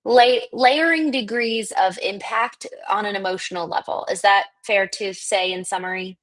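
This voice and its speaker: A woman's voice: medium pitch, moderate pace, fairly bright tone. A woman hosting an interview, encouraging and curious, often giving short affirmations. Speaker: podcast host. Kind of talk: conversational interview.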